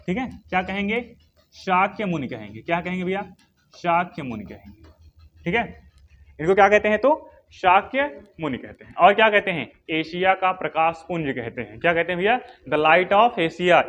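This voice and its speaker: A man's voice: sits high, a bit bright, a little hiss or hum. A man teaching a history coaching class, who asks questions, answers them himself and repeats the key names again and again. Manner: drills key names by repetition, dictates notes.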